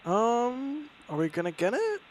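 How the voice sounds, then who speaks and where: A man's voice: very high-pitched, huge pitch swings, measured pace, rough recording. A man hosting casual live launch commentary, chatty and often interrupting himself. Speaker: livestream host.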